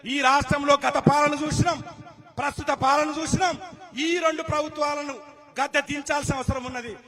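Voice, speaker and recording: A man's voice: extremely high pitch, fairly even intonation, moderate pace, bright, forceful tone. A man with a Telangana Telugu accent giving an impassioned political rally speech, firing rhetorical questions at the crowd. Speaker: political speaker.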